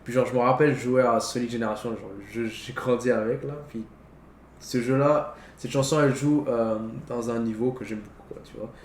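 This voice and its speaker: A young adult man chats casually and heavily about films in a brisk, medium-pitched voice with a steady tone. His speech is slangy and peppered with English words. The room sounds roomy and echoey, with faint background noise.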